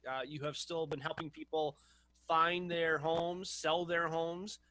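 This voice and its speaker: A man's voice: fairly high pitch, flat delivery, unhurried, pushed and bright, dry recording. A man hosting a conversational TV interview over a video call. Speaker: TV host, interviewer.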